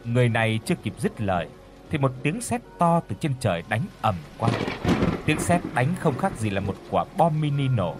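A man telling a scripted ghost story, bringing the villagers' shouts to life as he goes. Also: mid-range voice, normal speed, music in the background. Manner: lively, acts out villagers' shouts.

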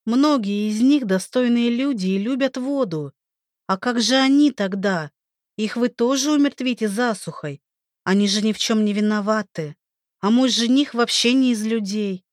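A woman's voice: fairly high pitch, normal speed, no echo, studio quality, close to an everyday voice. A woman voicing a young heroine who speaks urgently and pleads for her beloved. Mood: defiant.

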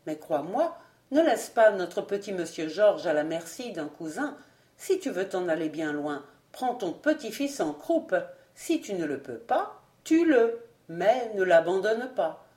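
A woman voicing a strange young albino man who speaks gently and sadly, in a roomy-sounding audiobook. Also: medium pitch, very animated, a little slow. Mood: earnest. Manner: gentle, melancholy. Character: young albino man, wild, soft and melancholy.

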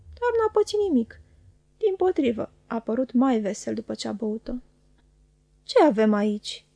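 A woman reading a classic novel aloud as an audiobook narrator, calm and measured, on a close studio mic. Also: a little high, gravelly, breathy edge, no room sound. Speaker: audiobook reader.

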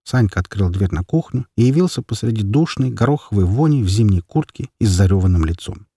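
A man narrating a story in an expressive, scripted reading. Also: lowish voice, brisk, slightly rough, dry recording, studio quality. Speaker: audiobook narrator.

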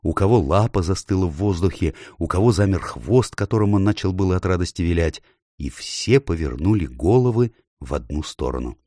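A man narrating a children's book aloud with expressive storytelling. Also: low-pitched, fairly quick, no echo, studio quality. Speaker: audiobook narrator. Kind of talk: scripted narration.

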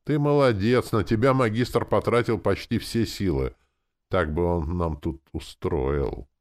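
A man reading an audiobook, voicing a calm, measured thief companion. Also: deep voice, voice pushed up.

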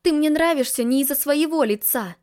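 A woman's voice: high voice, lively intonation, slow pace, darkish tone, pitched above the performer's own voice. A woman voicing a blunt, passionate young heroine in an audiobook, speaking emphatically. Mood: earnest. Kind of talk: audiobook dialogue reading.

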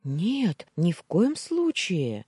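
A woman's voice: low-pitched, very animated, a little slow, dark tone, breathy edge, dry recording, studio quality, heavily acted. A woman voicing a shy, tearful young female maid who speaks timidly and anxiously in a storybook reading.

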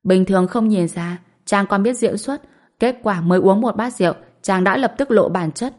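A woman's voice: mid-range voice, moderate pace, darkish tone, close to an everyday voice. A woman voicing a playful, teasing young wife in an audiobook. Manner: teasing, mischievous. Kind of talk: audiobook character voice.

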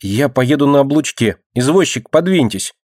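A man voicing a small, stubborn, tearful girl with a shrill voice. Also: expressive, moderate pace, darkish tone, dry recording, clean studio sound, close to an everyday voice. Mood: mischievous. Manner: shrill, crying.

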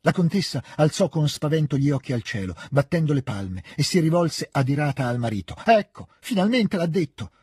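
A male narrator reads a classic novel in a measured, expressive way. His voice is very husky and breathy. The recording is close and completely dry. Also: fairly high pitch, dry recording. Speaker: audiobook narrator. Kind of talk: literary audiobook reading.

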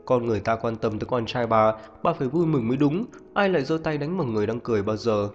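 A man voicing a calm middle-aged father who speaks softly and reassuringly. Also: medium pitch, fast talker, lightly acted. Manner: soft, reassuring. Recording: muffled reverberant audio, faint music.

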